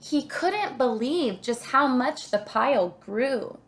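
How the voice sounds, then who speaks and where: Reading a picture book for children, this high-pitched woman tells the story with expression and careful deliberation. She sounds like a kindergarten teacher.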